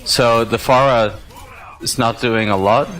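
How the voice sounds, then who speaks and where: A man talks through a replay of his own match with a bright, forceful voice. He is reflective and self-critical, pausing on hesitant fillers as he works out his mistakes. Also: mid-range voice, rough recording. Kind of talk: gameplay commentary.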